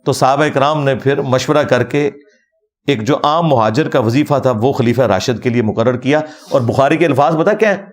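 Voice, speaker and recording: A man giving a critical religious talk in a mocking, argumentative way. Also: medium pitch. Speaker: religious speaker.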